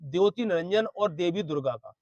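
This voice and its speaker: A man's voice: high-pitched, lively intonation, moderate pace, darkish tone, dry recording, muffled recording. A man playing an assertive male book stall volunteer in a staged skit, lecturing and challenging his opponent. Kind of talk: staged street argument skit.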